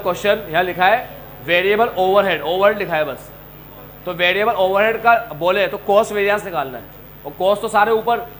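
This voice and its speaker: A middle-aged man with an Indian accent teaching a coaching class, animated, scolding and joking with his students. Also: high-pitched, a little hiss or hum, poor audio. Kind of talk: classroom lecture.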